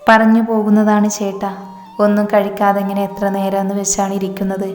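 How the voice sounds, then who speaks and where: A sharp-tongued, worried older mother, as a woman narrator plays her, scolding in a fairly level voice. Her lines echo in a reverberant room over a soft music bed. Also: mid-range voice, monotone, fairly quick, natural voice. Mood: tearful. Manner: scolding, then tearful pleading.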